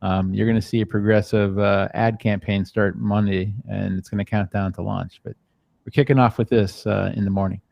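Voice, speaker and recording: Low-voiced male livestream host, dry close sound, loose and rambling. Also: flat delivery, normal speed, vocal fry, darkish tone, no echo. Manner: rambling, filler-heavy. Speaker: founding member and host. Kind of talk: livestream chat.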